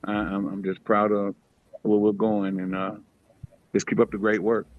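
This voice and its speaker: An older man, the founder, speaking over a video call, halting and proud with many fillers. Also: lowish voice, little pitch movement, dry recording. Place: school room with small children. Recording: muffled dry video-call audio.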